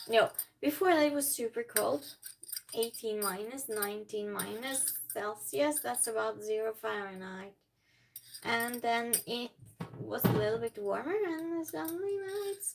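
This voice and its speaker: Cooking indoors at home, a live streamer who is not a native English speaker rambles through casual chat, reading out viewers' comments and answering them. Her voice sits on the high side with vocal fry, a little slow, and there's slight background noise.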